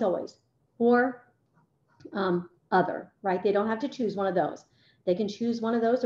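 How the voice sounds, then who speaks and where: A woman's voice: dark tone, reverberant, lo-fi sound. A woman language arts teacher walking other teachers through a writing lesson with enthusiasm, sometimes acting out how she talks to her class. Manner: enthusiastic, acts out classroom talk in a higher voice.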